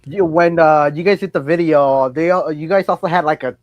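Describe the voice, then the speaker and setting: Young man host, high voice, rambling. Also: fairly even intonation, brisk, dry recording, lo-fi sound. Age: young adult. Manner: rambling, hesitant with many fillers. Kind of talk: casual interview chat.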